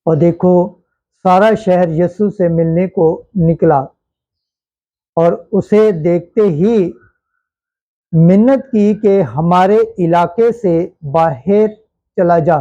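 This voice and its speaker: A man giving a slow, solemn liturgical Bible reading as a scripture reader, with measured recitation. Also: sits high, mellow, lo-fi sound.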